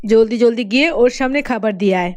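A woman's voice: on the high side, brisk, a little mellow, dry recording, highs cut off, lightly acted. A woman playing a sneering, scolding cartoon stepmother. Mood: scolding, spiteful. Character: cruel scolding stepmother, middle-aged woman. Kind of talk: cartoon voice acting.

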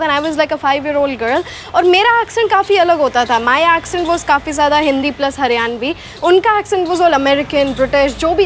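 A young adult woman from Haryana, India, with a very high voice, is a guest and English accent coach giving casual interview answers. She explains things while gesturing with her hands, mixing Hindi and English. She's recorded on a clip-on lapel mic in an outdoor garden courtyard under a shade net, with a little hiss or hum.

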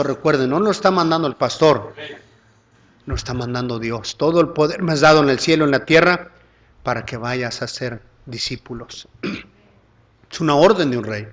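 A male pastor preaching a live church sermon, swinging between loud fervent peaks and hushed low pleading, constantly calling listeners "brother". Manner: addresses the congregation as "hermano" constantly.

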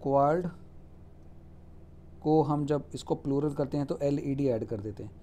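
Male teacher, mellow and fairly high voice, explains spelling rules step by step. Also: a little hiss or hum. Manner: spells words out letter by letter and checks with "ठीक है?"; reads English rules aloud slowly, then explains them in Hindi. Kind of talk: Hindi lecture on English spelling rules.

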